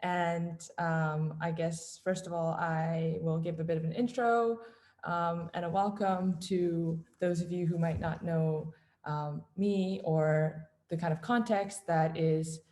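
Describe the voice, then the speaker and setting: Soft-spoken Canadian woman hosting a reading. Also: on the low side, steady tone. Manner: many ums and pauses, soft-spoken. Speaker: event host. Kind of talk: hesitant live introduction over video call. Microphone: video call.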